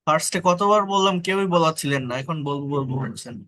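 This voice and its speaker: A man with a Bengali accent teaching spoken English in an online class, correcting pronunciation word by word and repeating words slowly. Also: fairly high pitch, pushed and bright.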